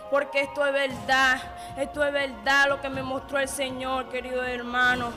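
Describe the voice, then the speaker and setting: A woman giving an emotional religious testimony in church, repeating and calling her listeners dear brother. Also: high voice. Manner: repetitive, keeps addressing listeners as dear brother. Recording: reverberant hall with faint music.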